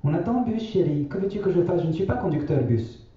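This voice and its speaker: A man's voice: fairly high pitch, animated, quick pace, warm tone, pitched above the performer's own voice, lightly acted. A man voicing a frail, thrifty elderly grandmother who speaks broken French. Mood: timid, apologetic. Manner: broken French with dropped articles. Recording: echoey, distant, slightly dull.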